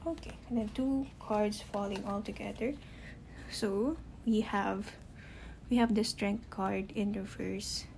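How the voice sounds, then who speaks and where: A woman doing a casual tarot card reading to camera, talking haltingly with many fillers and restarted sentences. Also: mid-range voice, fairly even intonation, creaky, background noise. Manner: halting, heavy use of "you know" and "um" fillers; admits to stuttering, restarts sentences. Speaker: tarot reader.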